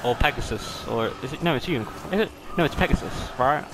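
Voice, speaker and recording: A young man chats through a game in a casual, rambling way, thinking aloud and easily amused. His voice sits at an ordinary middle pitch. A heavy wash of background noise runs under everything he says. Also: expressive, quick pace. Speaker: gamer. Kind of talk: casual let's play commentary.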